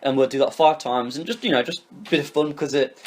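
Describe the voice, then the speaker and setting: Young British guy, podcast co-host, rapid and animated, tumbling over his words. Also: medium pitch, a little hiss or hum. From Britain. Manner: rapid, animated storytelling with many restarts. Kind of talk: casual chat.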